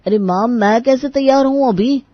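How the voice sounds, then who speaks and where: A woman's voice: on the high side, moderate pace, no echo, muffled recording, close to an everyday voice. A woman voicing a whiny young groom in a cartoon story. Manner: whining.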